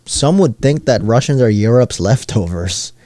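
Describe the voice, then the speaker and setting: A man's voice: medium pitch, animated, normal speed, mellow, no echo, clean studio sound. A young man co-hosting a podcast in casual chat, tossing out jokes and rambling questions. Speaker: podcast co-host.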